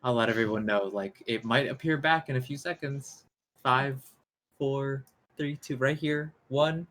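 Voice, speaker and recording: A man's voice: mid-range voice, fairly bright tone, a little hiss or hum. Inquisitive male tabletop player. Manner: inquisitive, quick questions. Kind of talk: tabletop game play.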